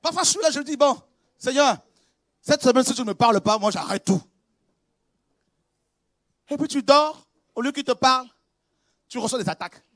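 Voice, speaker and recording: A man preaching a sermon as pastor, swinging from quiet, conversational confiding to shouted exclamations, with laughs and repeated words. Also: extremely high pitch, expressive, moderate pace, pauses often, no echo.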